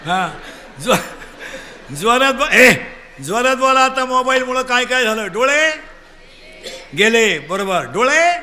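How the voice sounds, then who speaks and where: Man preaching a comic sermon, high pitch, sharp bright voice, quizzing the crowd loudly. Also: very animated, takes it slowly, pauses often. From Maharashtra. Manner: loud, quizzes the audience and urges them to answer. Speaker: kirtan preacher.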